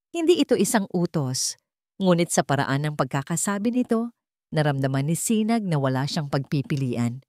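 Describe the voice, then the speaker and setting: Reading a dramatic audiobook script, this Filipino-accented woman speaks in a low, slightly mellow voice. There's no room sound at all, just clean studio audio.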